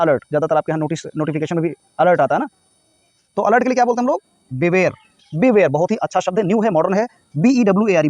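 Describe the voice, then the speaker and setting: A man's voice: a little high, a little mellow, no echo. A man from North India teaching everyday English phrases, explaining each one and spelling words out letter by letter. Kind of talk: spoken English lesson.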